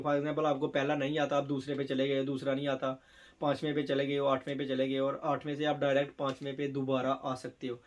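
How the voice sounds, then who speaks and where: Man, Urdu native, casual tutor, higher voice, repeats key words, sounds out words slowly. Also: darkish tone. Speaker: Korean test tutor. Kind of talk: casual spoken lesson.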